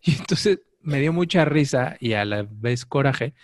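A man's voice: medium pitch, a little slow, dry recording, studio quality. A middle-aged man with a Mexican accent, chatting casually as a podcast co-host and acting out the voices in his stories. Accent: Mexican Spanish. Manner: animated storyteller, acts out quoted voices. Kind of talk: casual chat.

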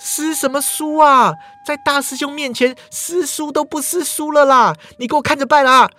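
A man voicing a lively, flustered young swordswoman in a storytelling podcast, in a raised whiny voice. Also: moderate pace, dry recording. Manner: bubbly, whiny, high-pitched.

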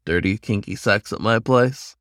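A man voicing a confident, teasing male tiger who speaks in a low, slow purr. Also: a bit bright, no echo, clean studio sound, natural voice.

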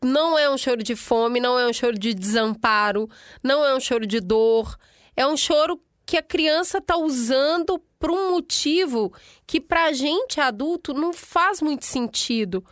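A woman hosting an interview, asking questions in an inquisitive, lively way. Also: high voice, moderate pace, no room sound, clean studio sound. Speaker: interviewer, host. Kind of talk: conversational interview.

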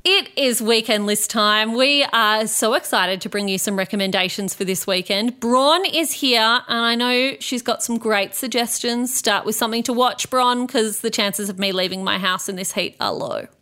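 Bright woman hosting a podcast. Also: on the high side, moderate pace, hardly any pauses, smooth. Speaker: podcast host. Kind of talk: polished conversational presenting.

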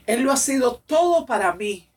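A woman's voice: on the high side, animated, moderate pace, recorded from a distance. A woman in her forties from Cuba, with a Cuban accent, giving a personal faith testimony in a fervent, emotional way and repeating phrases for emphasis. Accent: Cuban Spanish. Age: 40s. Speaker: church member giving testimony.

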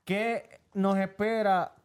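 High-voiced preachy Puerto Rican man. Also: level tone, slow pace, smooth. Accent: Puerto Rican Spanish. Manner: preachy, repeats phrases. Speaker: podcast co-host. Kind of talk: casual chat.

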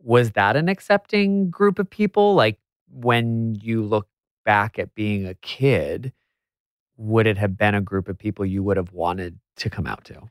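A man's voice: lowish voice, unhurried, clear, resonant tone, no echo, studio quality. An American man hosting a podcast interview, bubbly and playful in a theatrical way. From United States. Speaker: podcast host.

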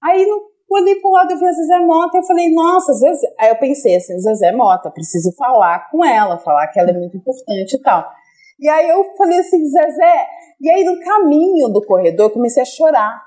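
A young adult woman from Brazil tells a story on a casual podcast, with a high-pitched voice. She laughs often and acts out the lines she quotes. It feels like an easy, chatty conversation. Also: animated, fairly quick, warm tone. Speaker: guest actress.

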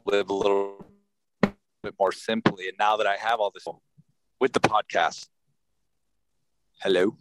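A man's voice comes through a car speakerphone, a little distant, as he drives and chats. He sits low in pitch and rambles loosely, full of fillers. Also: little pitch movement, unhurried, pauses often, noisy background. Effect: car speakerphone while driving. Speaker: podcaster and astrologer. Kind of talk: casual panel chat over a call.

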